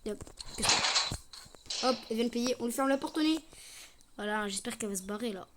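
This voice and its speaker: A woman's voice: a little high, brisk. A young woman doing casual, slangy commentary on a horror game, chatting to her viewers. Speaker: gaming streamer. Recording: noisy home gaming mic.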